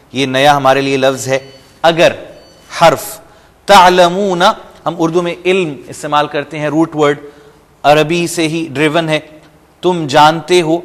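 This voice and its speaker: A man teaching Quran reading, slowly and loudly reciting verses, then explaining them briskly. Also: fairly high pitch, in a large hall. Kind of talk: step-by-step recorded lesson.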